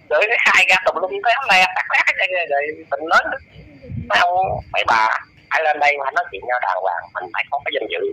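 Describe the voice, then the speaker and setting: A man in his eighties with a Southern Vietnamese accent, talking as an interview guest and lecturing in a scolding, preachy way, his pitch leaping up and down. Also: pushed and bright, husky, low-quality recording. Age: 80s. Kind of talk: casual lecturing chat.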